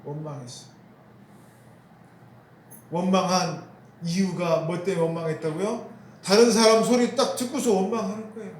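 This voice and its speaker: A man preaching a sermon as pastor, asking the congregation questions and answering them himself, and repeating key phrases for emphasis. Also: high voice. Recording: roomy echo.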